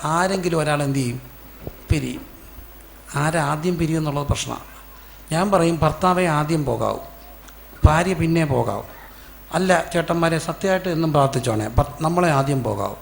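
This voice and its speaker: Pastor guy, sermon, keeps asking the crowd then answering himself, raspy fry in the voice. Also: fairly high pitch, slight background noise. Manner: storytelling preacher who asks the congregation questions and answers them himself; acts out quoted voices with sudden loud bursts.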